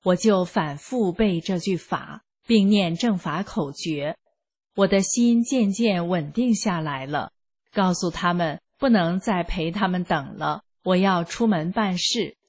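Slow, breathy woman reading aloud. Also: fairly low pitch. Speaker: reader. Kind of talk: scripted first-person narration.

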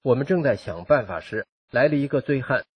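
A man reading a first-person account aloud in a steady, even narrating manner. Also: medium pitch, fairly quick, slightly rough. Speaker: reader of a personal testimony.

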